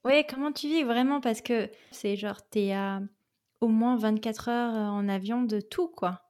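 A woman hosts a podcast interview and asks her questions in a friendly, chatty way. Her voice sits fairly high. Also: measured pace, a little mellow. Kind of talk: casual interview conversation.

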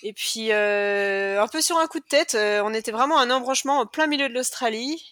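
A woman's voice: a little high, brisk, fairly bright tone, no echo, clean studio sound. A French woman in her thirties, a podcast guest candidly and chattily telling her life story in a casual conversation. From France. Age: 30s.

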